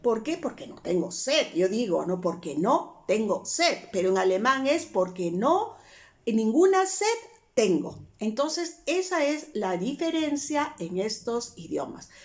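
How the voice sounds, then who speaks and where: A woman's voice: on the high side, sing-song, a little slow, hardly any pauses. A woman language teacher, explaining grammar patiently through many examples in a casual video lesson.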